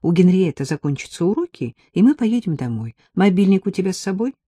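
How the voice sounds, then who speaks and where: A woman reading the part of a timid young woman who hesitantly, apologetically asks a friend for a favor, in a soft, husky, dry voice. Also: fairly low pitch, very animated, brisk, no echo, pitched above the performer's own voice. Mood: instructing.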